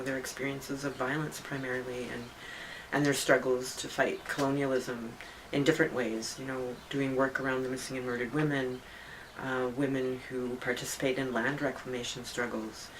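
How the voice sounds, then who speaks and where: Female interviewee, filmmaker, reflective and unhurried; distant mic, faint noise. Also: very deep voice, fairly bright tone. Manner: reflective, with pauses and fillers. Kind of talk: interview answers.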